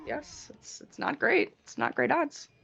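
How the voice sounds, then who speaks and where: A woman's voice: high voice, very animated, a little slow, creaky, fairly bright tone. A woman narrating a tabletop game as game master, chatting casually with the players. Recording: dull lo-fi, faint music behind.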